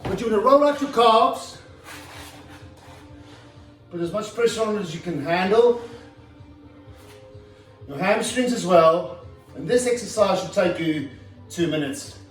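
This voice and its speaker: This trainer's high, expressive voice comes a little slow, with long pauses, as he demonstrates and explains a home leg routine. He gets out of breath now and then; the echoey recording catches him from afar over faint background music.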